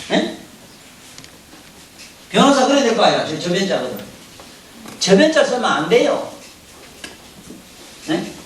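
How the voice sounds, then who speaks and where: A man with a giving a Buddhist sermon, animated and full of rhetorical questions put straight to his listeners. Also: high voice. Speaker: Buddhist dharma teacher. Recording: very echoey, distant mic, faint hiss.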